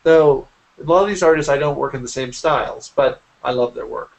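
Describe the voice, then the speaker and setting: On a video call from a small room at home, an artist and art teacher in his forties chats casually as an interview guest, frequently reworking sentences partway through. He speaks a little fast in a fairly high voice, and the computer mic gives a low-quality recording.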